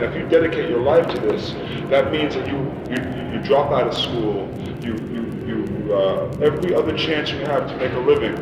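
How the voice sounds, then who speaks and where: A man's voice: mid-range voice, muffled recording, noisy background. Man, emphatic rant, echoey room, mic far off. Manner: emphatic, ranting, repetitive. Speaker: band member interviewed. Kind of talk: animated interview talk.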